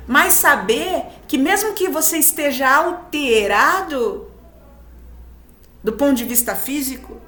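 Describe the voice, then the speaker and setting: In a fairly high, very lively voice, a Brazilian woman with a Brazilian Portuguese accent teaches, her pitch swinging widely. She gives an emphatic spiritual talk, acting out brief quoted exchanges as she goes, and the audio has a clear, roomy echo.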